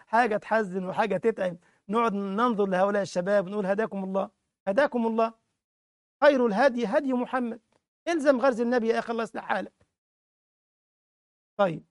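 A man's voice: sits high, vocal fry, no echo, studio quality. A man with an Egyptian accent preaching in colloquial style, sarcastic and mocking, mimicking those he criticizes. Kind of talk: colloquial sermon talk.

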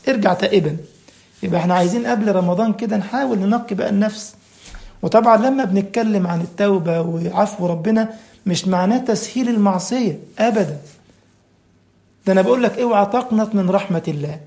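A man with an Egyptian Arabic accent preaching a sermon, asking his listeners rhetorical questions and reciting scripture slowly and deliberately. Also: sits high, a little mellow.

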